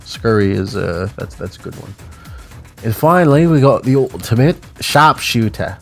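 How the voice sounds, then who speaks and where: Male gamer, low voice, sick, loose rambling commentary, home desk mic, faint music behind. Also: lively intonation, normal speed, gravelly. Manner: rambling, casual, offhand verdicts with frequent fillers. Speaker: gaming video creator ranking icons. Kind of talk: unscripted tier-list commentary. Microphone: desk mic with headphones on.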